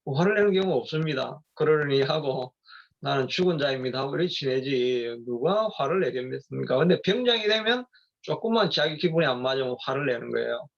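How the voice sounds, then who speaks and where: Middle-aged male pastor, gravelly, talks off the cuff with fillers and restarts; muffled lo-fi sound. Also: on the high side, animated, brisk. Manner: rambling, conversational, many fillers and restarts. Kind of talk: sermon.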